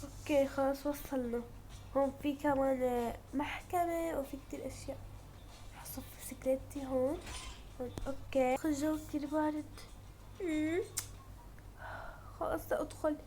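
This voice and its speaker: A woman's voice: sits high, fairly even intonation, moderate pace, pauses often, dark tone, slight background noise. A young woman, narrating a dress-up game in a chatty, self-mocking way. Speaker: gaming vlogger.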